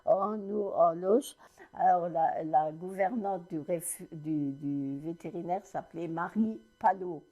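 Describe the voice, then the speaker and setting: An elderly woman in her nineties, from Lorraine in France, recounts her family's past for an interviewer. Her voice sits a little low with a dark, mellow tone. She tells it haltingly, backtracking and restarting often. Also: dull audio, faint music behind. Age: 90s. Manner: halting storytelling with many restarts. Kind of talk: oral history recollection.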